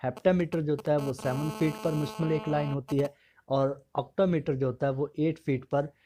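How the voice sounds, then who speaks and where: A man giving an exam-prep literature lecture, asking a question and then answering it in a steady, explanatory way. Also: on the high side, normal speed, background noise. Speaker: English literature teacher.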